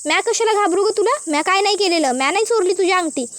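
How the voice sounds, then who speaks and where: A woman's voice: very high-pitched, animated, fast talker, dry recording. A woman voicing a proud, bitter older village matriarch who scolds defiantly in rustic speech.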